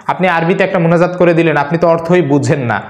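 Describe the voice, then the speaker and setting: A man calmly explaining how to pray, step by step, and reciting Arabic prayers as he teaches. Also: a little high, fast talker, echoey room. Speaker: Islamic teacher. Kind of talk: religious instruction video.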